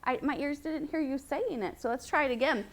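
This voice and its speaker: A woman teacher leading a class through phonics drills in an animated, sing-song way. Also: sits high, a little fast, crowd noise.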